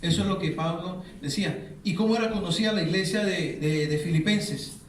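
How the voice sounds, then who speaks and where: A man's voice: sits high, a little fast. A man preaching a sermon in a church, quizzing the congregation with fill-in questions. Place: church hall. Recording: very echoey hall, mic far off.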